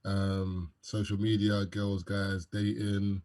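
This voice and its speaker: Guesting on a podcast, a young Londoner keeps the interview chat relaxed, cracking jokes and filling gaps with plenty of fillers. He speaks slowly in a fairly low, flat voice that's a little mellow.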